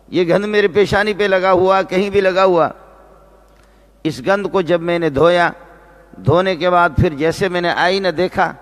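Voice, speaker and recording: A man preaching a religious sermon, repeating phrases and slowing down to stress key words. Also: high voice. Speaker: Islamic preacher and teacher. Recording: long reverb of a large hall.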